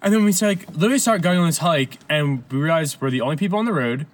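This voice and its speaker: A man telling a long story in casual chat, animated and full of swearing and laughter. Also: a little high, racing.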